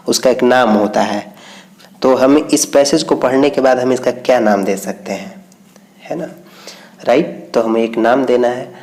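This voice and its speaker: A male teacher explaining an English reading exercise, reading the English lines out slowly and then explaining each one. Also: mid-range voice, darkish tone.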